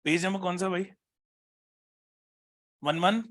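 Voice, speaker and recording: A man teaching a biology class, constantly prompting his students with questions and reading textbook lines slowly. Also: sits high, fairly even intonation, a bit bright. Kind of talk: classroom lecture.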